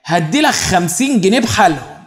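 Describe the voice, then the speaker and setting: A man's voice: high-pitched, expressive, fast talker, fairly bright tone. A man voicing a coy young bride, Egyptian accent. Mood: teasing. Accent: Egyptian Arabic.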